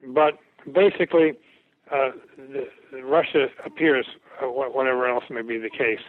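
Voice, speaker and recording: An older man, a historian, answering interview questions in a reflective academic way, halting and repeating words as he thinks. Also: mid-range voice, fairly even intonation. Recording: tinny phone-like radio recording.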